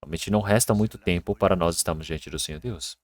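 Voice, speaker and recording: A male pastor preaching a Sunday sermon in an earnest way that grows lively when he tells everyday stories. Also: sits low, fast.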